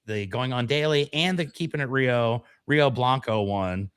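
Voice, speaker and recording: A man's voice: mid-range voice, measured pace, a bit bright, smooth. A man co-hosting a casual radio show, telling stories in a self-deprecating, mock-dramatic way. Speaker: show co-host and voiceover performer.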